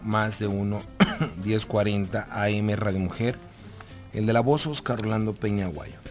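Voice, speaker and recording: A man with a Mexican accent hosting a live radio talk show as a couples therapist, telling stories emphatically with lots of repetition. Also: lowish voice. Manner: animated, emphatic storytelling with repetition. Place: radio studio booth.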